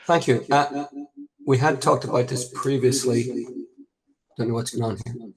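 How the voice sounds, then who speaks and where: A man with a gravelly voice speaks at a mid pitch over a choppy internet call whose audio keeps breaking up. He talks earnestly and pauses often as he presents remotely to a town board. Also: steady tone, poor audio. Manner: earnest, with frequent hesitations. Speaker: housing nonprofit representative.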